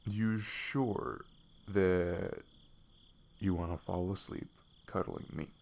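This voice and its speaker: A man performs an intimate ASMR roleplay as a shy, affectionate young best friend, his voice low, gravelly and exaggerated. He speaks softly and haltingly, giggly yet earnest and careful. Faint noise and the sound of crickets and night insects fill the background.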